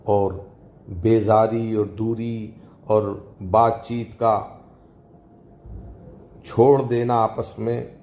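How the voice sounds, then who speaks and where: A man preaching a devotional sermon in a measured, emphatic way, lifting his voice on key words. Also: on the low side, flat delivery, warm tone, roomy sound, a little hiss or hum. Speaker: Islamic preacher.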